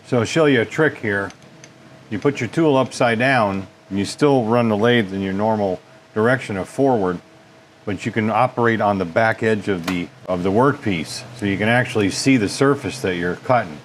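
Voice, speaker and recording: A man's voice: fairly low pitch, moderate pace, a little hiss or hum. A man hosting a repair channel, casually demonstrating lathe work in his workshop and thinking aloud with folksy asides. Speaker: machine shop repair host.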